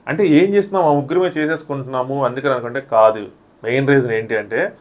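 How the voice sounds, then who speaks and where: Fast-talking man recapping a show. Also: mid-range voice. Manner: animated, re-enacts contestants' quotes. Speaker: reality show reviewer.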